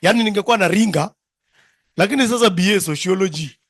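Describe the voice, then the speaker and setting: A Kenyan man hosting an informal event through loudspeakers, playfully repeating his phrases and switching between English and Swahili. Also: sits high, quick pace, no echo, clean studio sound. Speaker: master of ceremonies. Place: live reunion gathering with a microphone.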